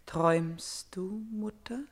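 An actress playing a bitter young princess in a 1950s radio drama, asking pointed questions. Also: female voice, fairly high pitch, animated, a little slow, sharp tone. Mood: probing. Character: young princess daughter, sharp, bitter and probing.

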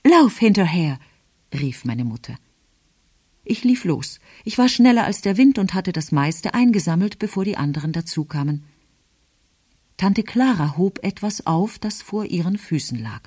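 A woman narrating a novel in calm, even storytelling. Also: mid-range voice, moderate pace, husky, dry recording, clean studio sound. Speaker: audiobook narrator. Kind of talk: scripted narration.

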